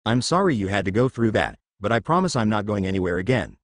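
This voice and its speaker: A calm young hero with a quietly vengeful edge, read by a man in a lowish, animated voice, earnest and plain. The sound is close and dry. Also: fast, no room sound.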